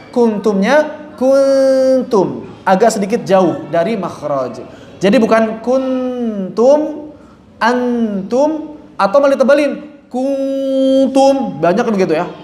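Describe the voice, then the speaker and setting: With a medium-pitched, darkish voice, lively intonation and an unhurried pace, a Quran recitation teacher guides a class that repeats after them. The step-by-step lesson includes sound demonstrations, self-posed questions with answers, and firm corrections, captured in an echoey room with faint noise.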